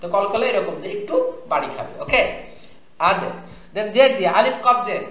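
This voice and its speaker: High, bright-voiced man drilling Quran reading. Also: expressive. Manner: patient drilling, repeats each word slowly, asks the class to echo. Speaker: Quran recitation teacher. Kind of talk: tajweed lesson, spelling out and drilling words. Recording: echoey room.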